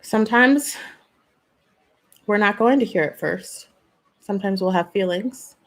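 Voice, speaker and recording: Hosting a live stream as a spiritual channeler, this woman has a mid-range voice and a measured pace. She sounds earnest, asks questions, gives soft advice and replies to viewers by name.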